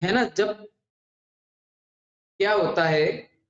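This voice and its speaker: A man's voice: high voice, drawn-out words. Male grammar teacher, exam coaching, rhetorical question-and-answer style, echoey room, muffled lo-fi audio. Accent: Hindi heartland. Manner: asks questions and answers them himself; addresses students fondly. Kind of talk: exam-prep grammar lesson. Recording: dull echoey classroom audio.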